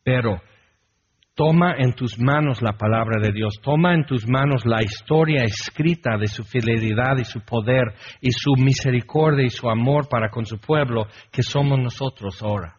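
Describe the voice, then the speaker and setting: A man's voice: medium pitch, moderate pace, breathy edge. Man, pastor, earnest sermon, leads responsive reading, dull lo-fi recording. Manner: earnest preaching, leading a responsive psalm reading.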